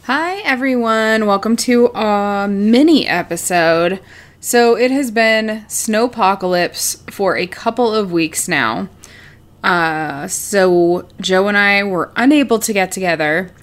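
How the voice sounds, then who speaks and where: This podcast co-host speaks slowly in a mid-range voice, keeping the chat casual with lots of fillers and frequent laughter. She records at home in her apartment on a desk mic passed back and forth between speakers.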